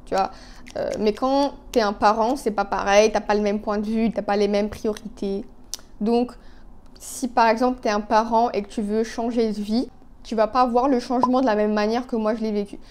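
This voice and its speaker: A woman's voice: on the high side, steady tone, normal speed, a little mellow. A young woman in her twenties chatting casually while doing her makeup, talkative and full of fillers and asides. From Canada. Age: 20s. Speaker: beauty vlogger. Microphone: phone.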